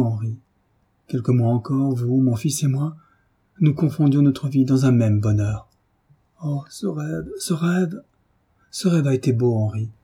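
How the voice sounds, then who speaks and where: A man's voice: medium pitch, warm tone, slightly rough. A dying mother, pleading and tender, read by a man. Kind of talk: audiobook reading.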